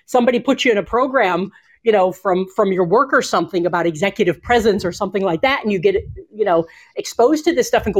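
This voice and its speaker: A woman explaining communication skills in a conversational interview, animated and expressive, speeding up and slowing down for emphasis, speaking from home. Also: medium pitch, husky. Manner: animated, expressive, shifting pace. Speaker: communication coach.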